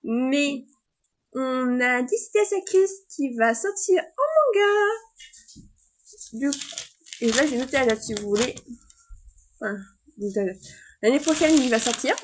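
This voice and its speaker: High-voiced woman gushing about fandom news. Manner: excitable fan chatter, trails off and restarts. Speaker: vlogger sharing entertainment news. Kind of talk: casual chat.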